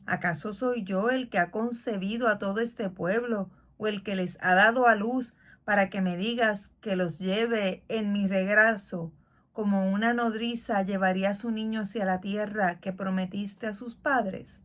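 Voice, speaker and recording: Moses, a worn-out aged leader, pours out his complaint in a pleading, impassioned voice, read by a woman. The delivery is a middle-pitched reading rather than a full character voice. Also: steady tone, unhurried, a bit bright, close to an everyday voice.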